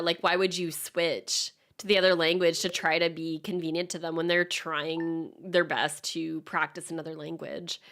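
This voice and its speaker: Bright-voiced Acadian woman streamer chatting casually. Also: fairly low pitch. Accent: Acadian Canadian. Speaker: live streamer. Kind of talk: casual chat to stream viewers.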